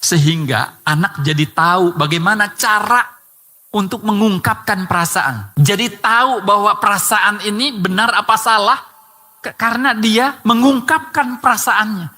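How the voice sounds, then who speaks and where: A man delivers a sermon as a preacher, often turning to his listeners with direct rhetorical questions. His voice sits a little high and rings bright and forceful. The sound carries the long reverb of a large hall. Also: unhurried. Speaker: Islamic preacher.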